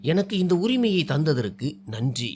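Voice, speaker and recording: A man's voice: a little high, big pitch swings, a little slow, darkish tone, a little hiss or hum. A man voicing a charming, possessive young groom. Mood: tender. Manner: teasing, coaxing, turns cold and threatening.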